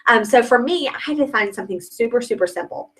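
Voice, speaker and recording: Fast-talking upbeat woman sales trainer. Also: fairly high pitch, animated, a bit bright, low-quality recording. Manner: chatty, upbeat, peppered with "okay?" and "like".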